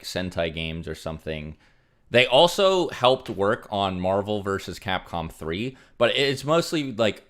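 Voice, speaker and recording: A man's voice: fairly low pitch, a bit bright, clean tone. A young man streamer casually chatting and answering donations, rambling with lots of fillers. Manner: rambling, filler-heavy, frequent "like" and "um". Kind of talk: casual livestream chat reading donations.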